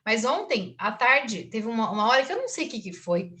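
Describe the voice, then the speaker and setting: Woman host, slightly high and bright, chatty and expressive, quotes her own thoughts aloud. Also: a little fast. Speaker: book circle host and teacher. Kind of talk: casual group discussion.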